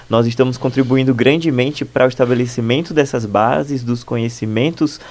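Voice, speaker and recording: This man, in his thirties and from Bahia, Brazil, works as a postdoctoral researcher and answers interview questions fluently, with enthusiasm and plenty of explanation. His voice sits in the mid-range and has a slightly mellow quality.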